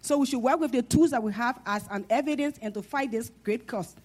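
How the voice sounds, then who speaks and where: A Liberian-accented woman addressing a town hall from the floor. Her voice sits somewhat high, and she builds her points with earnest, formal, almost sermon-like conviction. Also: fairly quick, darkish tone. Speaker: audience member.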